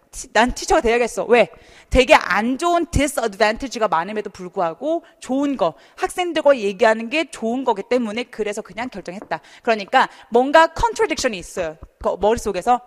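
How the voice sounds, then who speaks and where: Young woman, TOEFL teacher, chatty online lecture, asks questions, reverberant room. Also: a little high. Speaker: TOEFL instructor.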